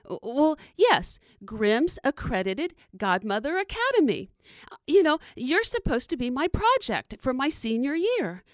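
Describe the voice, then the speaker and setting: A woman's voice: high voice, sing-song, no room sound, studio quality, voice pushed up. A woman doing an eager fairy groundhog. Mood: deflated. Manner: eager, fussy, halting. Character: chatty plump female fairy-godmother groundhog student.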